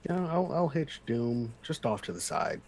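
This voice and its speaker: Creaky-voiced male tabletop player. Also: medium pitch, expressive, unhurried, darkish tone, a little hiss or hum. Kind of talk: casual game chat.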